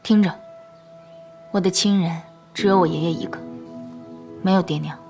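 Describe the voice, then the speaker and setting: A woman's voice: lowish voice, steady tone, moderate pace, vocal fry, darkish tone, soft background music. An actress playing a guarded, proud young woman who speaks bluntly and warily in a period TV drama. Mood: wary. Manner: blunt and wary. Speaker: granddaughter.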